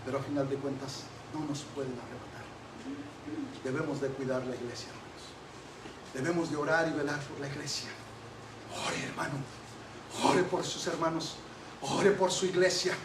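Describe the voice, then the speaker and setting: A man's voice: medium pitch, flat delivery, moderate pace, long pauses. A man preaching an emphatic sermon as pastor, repeatedly addressing the congregation as brothers. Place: church sanctuary. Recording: echoey church hall from far off, faint noise.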